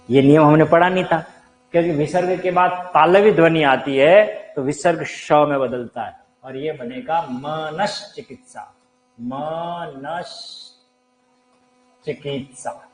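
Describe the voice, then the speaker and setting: A man's voice: on the high side, unhurried, a little hiss or hum, low-quality recording. A man teaching a live online Hindi grammar class, talking straight to his viewers, quizzing them and answering his own questions. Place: teaching room with a board.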